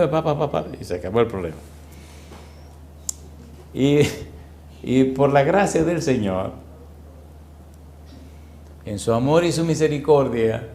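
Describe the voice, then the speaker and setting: A man's voice: mid-range voice, darkish tone, reverberant, a little hiss or hum. A male pastor, preaching a storytelling sermon and putting rhetorical questions to his congregation. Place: church.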